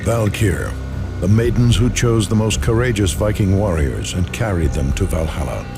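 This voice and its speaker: Game dossier narrator: cold military formality, clipped and official, lowish pitch, music behind. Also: male voice, moderate pace, creaky. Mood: detached, official. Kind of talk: scripted narration of a classified file.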